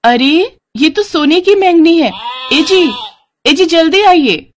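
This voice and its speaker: A woman's voice: medium pitch, moderate pace, noisy background, close to an everyday voice. A woman playing a poor farmer's devoted wife. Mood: earnest.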